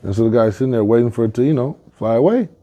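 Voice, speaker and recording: A man, a guest entrepreneur, telling fables in a casual, animated way with slang and reflective asides. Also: mid-range voice, rapid-fire. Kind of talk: casual storytelling.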